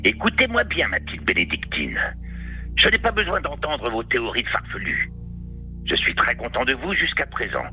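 A pompous, greedy villain boss gives orders in a very forceful, swooping voice. It is audio drama with dull, band-limited sound. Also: male voice, mid-range voice, big pitch swings, normal speed, soft background music, heavily acted. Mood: imperious. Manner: pompous, commanding. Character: imperious, condescending rich male villain, greedy treasure hunter. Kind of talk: scripted audio drama acting.

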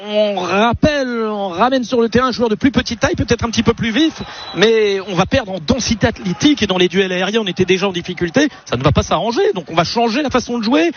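A man doing play-by-play radio football commentary in a brisk, descriptive way, with frequent hesitations. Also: sits high. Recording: lo-fi radio broadcast with faint noise.

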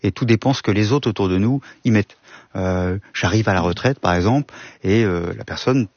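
A man speaking as an expert guest, explaining in a quick, lively and playful way. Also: on the low side, no room sound. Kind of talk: explaining in a studio discussion. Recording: slightly dull, muffled sound.

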